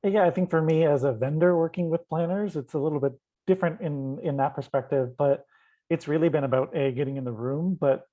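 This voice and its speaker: A woman's voice: deep voice, brisk. Canadian woman on a dull lo-fi call. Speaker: invitation designer. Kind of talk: panel discussion. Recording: dull lo-fi video call audio.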